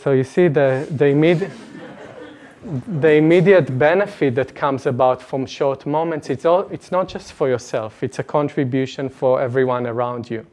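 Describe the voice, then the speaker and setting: A man's voice: medium pitch, moderate pace. Earnest man in his late twenties. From Israel. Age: late 20s. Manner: earnest, animated, gestures broadly, laughs between points. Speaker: retreat speaker. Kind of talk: personal talk to a live audience. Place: indoor meeting room before a curtain. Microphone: lapel mic.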